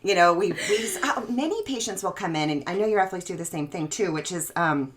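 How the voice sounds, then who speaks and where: A woman's voice: fairly low pitch, lively intonation, a little fast. A woman co-hosting a podcast and working as a physical therapist, chatting casually and acting out her own reactions. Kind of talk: casual chat.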